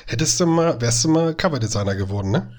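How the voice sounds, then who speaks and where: A man's voice: mid-range voice, animated, fast talker, darkish tone. A man in his mid-thirties co-hosting a podcast in casual chat, making dry, teasing short remarks. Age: 30s. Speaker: podcast co-host.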